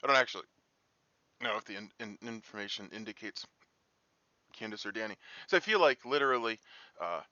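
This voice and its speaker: A man's voice: lowish voice, fairly quick, pauses often, bright, forceful tone, dry recording, muffled recording. A man talking casually through a game, reasoning aloud with emphatic, uneven delivery. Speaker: player in an online social deduction game.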